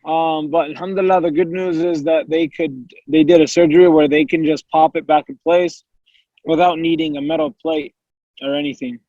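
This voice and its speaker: A young professional MMA fighter from the United States, with a high voice, gives casual interview answers in a steady tone at normal speed. The audio has a dark tone and a dry, dull quality with no room sound. He is earnest, talking at length with fillers and self-quotes.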